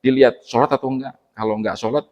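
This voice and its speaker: A man's voice: mid-range voice, fairly even intonation, very fast, a little mellow, lo-fi sound. A man giving a casual mosque sermon, chatty and joking, quizzing the congregation. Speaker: mosque preacher. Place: mosque hall. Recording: long mosque reverb.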